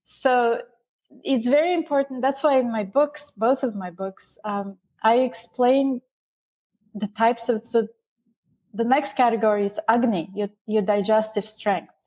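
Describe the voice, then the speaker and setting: Animated woman explaining as a guest. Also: on the high side, a little slow. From Bulgaria. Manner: explanatory, animated, with frequent restarts. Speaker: guest, Ayurveda author. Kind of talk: interview conversation.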